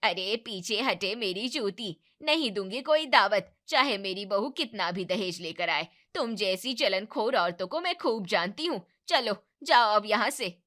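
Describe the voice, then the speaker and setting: A woman plays a boastful neighbour who quarrels in an animated family drama. She taunts and snaps back at the others in a mid-range voice. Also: mid-range voice, measured pace, few pauses. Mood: quarrelsome. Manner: taunting and defensive.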